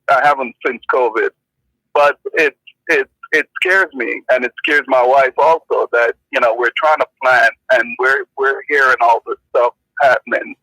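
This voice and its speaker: A man's voice: medium pitch, pushed and bright, dry recording. Man on a clipped phone line. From Jamaica. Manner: concerned, halting, repeats words. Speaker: caller. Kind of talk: call-in radio chat. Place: car.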